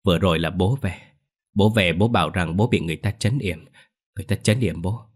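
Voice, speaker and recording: A frightened grown son speaks in a trembling, stammering voice, voiced by a male narrator. The tone is low and husky, halting and shaken in a spoken horror story. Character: frightened grown son haunted by dead father.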